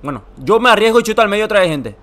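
A young man, giving excited, emotional commentary over a football video game he is playing. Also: high voice, racing. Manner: emotional, shouts and groans at every play. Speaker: gaming YouTuber.

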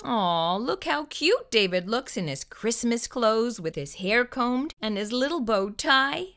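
A middle-aged woman leads a children's storytime, reading expressively, over-emphasizing words, and speaking to the kids directly. Her pitch is a little high and a bit bright, her delivery animated but unhurried. The setting is a small furnished indoor room, recorded with a lapel microphone.

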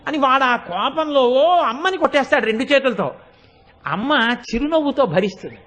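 A man giving a devotional sermon, telling stories with lively expression and chanting sacred verses slowly. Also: very high voice. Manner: animated storytelling, acting out quoted voices, chanting verses slowly. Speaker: spiritual discourse speaker.

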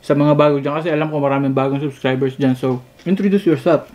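Low-voiced Filipino woman vlogger. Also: steady tone, fast, darkish tone. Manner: switches between English and Tagalog, addresses viewers as guys. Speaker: vlogger host. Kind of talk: casual mukbang vlog chat.

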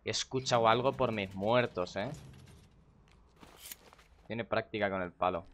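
This is a young male streamer casually commentating his game at a home computer, unhurried and with a fairly bright tone in a lowish voice. He mutters to himself, swears freely, and greets people in his chat. Keyboard clicks and faint background noise can be heard.

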